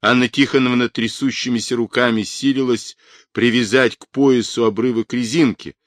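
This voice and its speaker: A man narrating a literary novel in a measured, dramatic reading voice. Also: medium pitch, steady tone, no echo, studio quality. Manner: measured, dramatic reading that rises for quoted shouts. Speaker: audiobook narrator.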